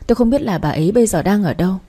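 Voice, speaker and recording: A man's voice: high voice, expressive, warm tone, breathy edge. A woman voicing a frightened middle-aged father begging. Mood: pleading. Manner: hurried, begging.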